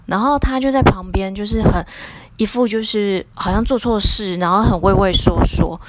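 A woman with a Taiwanese Mandarin accent tells a personal story in a relaxed, conversational monologue. Her pitch sits in an ordinary middle range but leaps up when she gets indignant. The recording is dry and close, with no room echo. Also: moderate pace. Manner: chatty, voice rising sharply when reliving indignant moments. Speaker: podcast host and lawyer.

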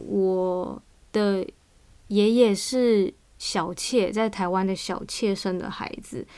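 A woman's voice: medium pitch, a little mellow, clean tone. A woman with a Taiwanese Mandarin accent hosting a casual personal podcast monologue, her voice weak and under the weather. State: weak voice from vaccine side effects. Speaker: podcast host.

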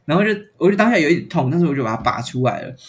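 Man, quick speech, exasperated storytelling, casual podcast chat. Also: fairly high pitch. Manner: animated, exasperated retelling with frequent laughs. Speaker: podcast host.

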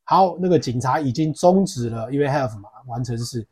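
A man hosting a podcast English lesson, explaining pronunciation and slowly repeating words, with a lively, joking manner. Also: medium pitch. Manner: lively, jokey aside. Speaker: English teacher. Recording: podcast mic.

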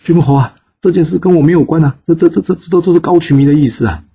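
A man's voice: on the high side, fast talker, vocal fry, warm tone, slightly rough, highs cut off, voice pushed up. A man voicing a terrified ancient prince who stammers and pleads. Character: terrified young ancient male prince, begging.

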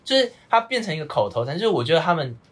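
A young Taiwanese man chatting as a podcast guest, his Mandarin quick and full of pitch swings. His voice is a bit husky, and he strings anecdotes together in loose, rambling runs. He sounds casual and lively throughout. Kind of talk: casual chat, storytelling.

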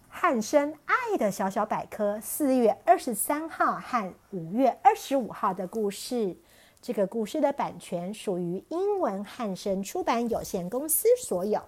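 A woman telling a classic tale to young children, her fairly high voice rising and falling with plenty of expression. She reads with lively warmth and clear pacing for little listeners. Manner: animated, expressive reading. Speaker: children's storyteller. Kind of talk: storytelling for children.

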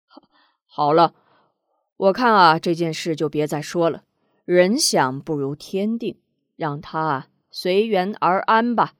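A woman voicing a kindly old grandmother who speaks gently, with soft sighing asides, in a storybook tale. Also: on the low side, a little slow, no echo, studio quality, close to an everyday voice. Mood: soothing.

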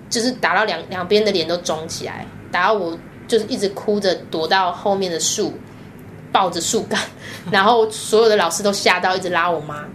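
A woman with a Taiwanese Mandarin accent, a guest telling candid personal stories in an animated way, laughing often and acting out the voices she quotes. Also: lowish voice, a little hiss or hum.

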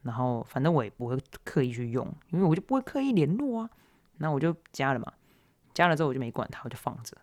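Animated young man storytelling. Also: medium pitch, fast. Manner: animated, laughing, self-mocking retelling of awkward moments. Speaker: podcast host. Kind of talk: casual solo storytelling.

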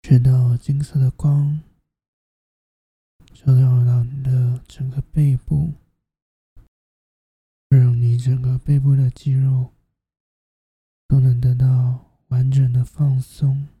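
A host narrating a guided sleep meditation like a sleep story narrator, in a soft, soothing, half-whispered delivery. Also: mid-range voice, flat delivery, slow pace, long pauses, husky, no echo, narrow, tinny audio.

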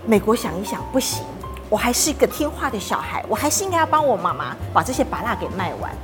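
A woman with a Taiwanese Mandarin accent telling a children's story, animated and addressing the children. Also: fairly high pitch, fast talker, music in the background.

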